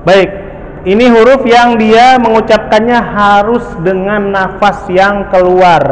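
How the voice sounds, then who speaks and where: A man's voice: sits high, steady tone, takes it slowly. A man teaching a tajweed class at a mosque, patiently drilling syllables for his students to repeat. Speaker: Quran recitation teacher. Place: large mosque hall. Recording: echoey hall, faint background noise.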